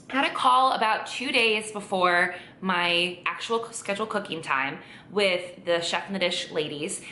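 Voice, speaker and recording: Chatty woman, bright echoey voice. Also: medium pitch, slight background noise. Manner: chatty, gushing, many fillers and restarts. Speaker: vlogger. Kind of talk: casual vlog chat.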